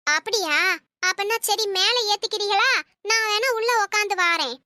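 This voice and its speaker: A shrill, very high and piercing old auntie in a cartoon comedy. She scolds and bickers with sarcasm, bossy and quick-tempered. The recording is dry and close. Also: sharp tone, no echo. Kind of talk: animated comedy voice acting.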